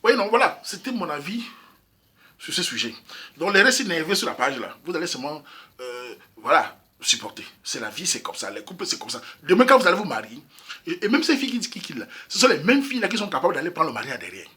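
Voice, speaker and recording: A man's voice: a little high, big pitch swings, fast talker, sharp tone, breathy edge. A man from Cameroon giving a casual opinion monologue on a couple's problems, emphatic and repetitive, often speaking straight to his listeners. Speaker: YouTube commentator. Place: Europe.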